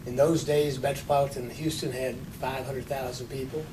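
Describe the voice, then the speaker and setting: An older man in his nineties recalls his life in an office interview, unhurried and dryly funny. He sits at a distance from the mic, and a steady low rumble runs under his voice. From Texas. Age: 90s. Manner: unhurried storytelling with dry humor. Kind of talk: oral history interview. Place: office with large windows.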